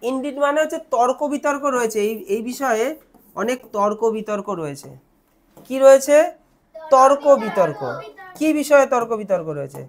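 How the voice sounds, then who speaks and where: Brief: young Bengali-accented woman, classroom teacher, high voice, asks and answers her own questions. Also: lively intonation. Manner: asks questions and answers them herself, repeats words slowly. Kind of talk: classroom lesson explanation.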